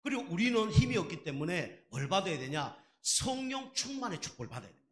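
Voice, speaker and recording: A man's voice: sits high, sing-song, quick pace, a bit bright. A male pastor preaching a sermon in a conversational way, asking his congregation rhetorical questions. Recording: echoey church sanctuary.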